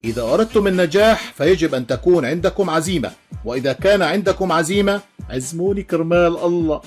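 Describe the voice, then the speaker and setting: Fast, animated Levantine joke-teller man. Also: fairly high pitch, faint music behind. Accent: Levantine Arabic. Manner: animated storytelling, switches into character voices, chuckles. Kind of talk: voiced joke compilation.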